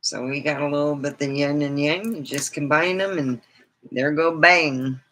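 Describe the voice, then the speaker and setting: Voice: medium pitch, moderate pace, fairly bright tone. A livestream host chatting casually, in a loose, rambling way that drifts between thoughts.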